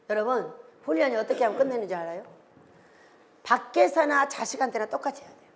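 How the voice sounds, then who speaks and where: Older woman, sermon, very lively swooping delivery, exclamatory, rhetorical questions. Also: fairly high pitch, a little hiss or hum. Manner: animated, exclaiming, firing questions at the congregation. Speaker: preacher.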